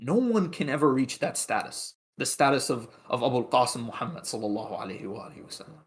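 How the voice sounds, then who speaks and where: A man giving a religious history lecture, retelling narrations in an animated way and acting out the quoted lines. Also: mid-range voice, fast.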